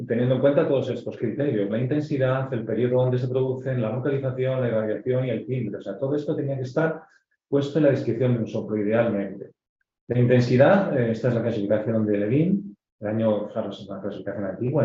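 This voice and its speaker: In a dull, echoey lecture recording, a man from Spain with a mid-range, dark-toned voice and a Castilian accent teaches residents. He's a pediatric cardiologist, explaining each step in turn and frequently using filler words.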